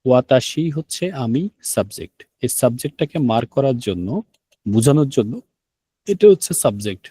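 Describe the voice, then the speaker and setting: A man's voice: medium pitch, expressive, normal speed, mellow, breathy edge, dry recording. Dry-voiced male teacher quizzing his students. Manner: explains step by step, asks the students questions and repeats key words. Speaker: Japanese language teacher. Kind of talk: online class lecture.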